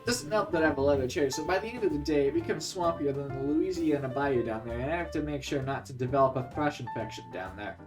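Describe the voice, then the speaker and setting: An American guy in his late teens delivers a scripted comedic rant. His voice sits at an average pitch, with a cynical, exasperated edge and plenty of sarcasm. He sounds a little distant from the microphone, and music plays behind him. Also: expressive, fast talker, hardly any pauses. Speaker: video creator.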